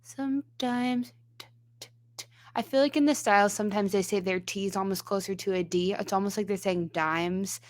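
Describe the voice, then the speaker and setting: A woman's voice: mid-range voice, fairly quick, few pauses, soft background music. A woman voice teacher giving analytical reaction commentary, explaining singing technique step by step.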